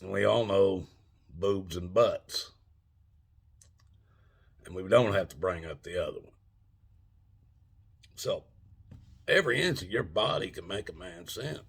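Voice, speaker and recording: Gravelly older man on a folksy rant. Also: deep voice, animated. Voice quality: gravelly, husky. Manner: halting, folksy, plain-spoken. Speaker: video channel host. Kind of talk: old man's back-in-my-day rant; informal monologue to viewers.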